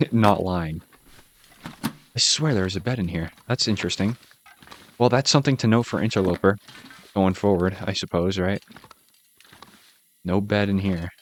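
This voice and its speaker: A man with a deep, low voice and a Boston accent talks through a calm gameplay session. He thinks out loud in an easygoing way and laughs lightly at his own slips. A faint hiss sits under the recording. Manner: laid-back, musing aloud, chuckles at himself. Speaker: gaming channel host. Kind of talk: casual relaxed gameplay commentary.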